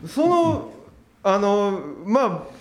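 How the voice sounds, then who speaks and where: A man with a Kansai accent in casual chat, laughing often and nodding along with quick interjections. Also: sits high, very animated, crowd noise. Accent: Kansai Japanese.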